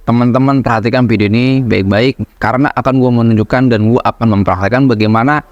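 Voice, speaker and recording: A man's voice: medium pitch, dry recording, highs cut off. A man hosts an informal tutorial vlog, explaining in an instructive way and often rephrasing his points. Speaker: YouTube host giving debt advice.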